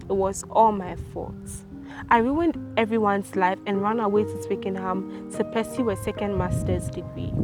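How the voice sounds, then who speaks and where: Woman, author reading her novel, measured and sombre, music underneath. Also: medium pitch. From Ghana. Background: background music.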